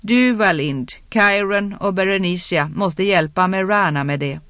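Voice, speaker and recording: An audiobook narrator voicing a brisk, commanding noblewoman who hands out orders, recorded dry and close. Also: mid-range voice, fairly bright tone, clean tone, dry recording, natural voice.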